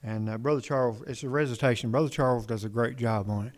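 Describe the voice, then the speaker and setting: Halting, rambling gospel group singer. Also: male voice, mid-range voice, fairly even intonation. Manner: rambling, halting, many fillers. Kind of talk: casual stage talk.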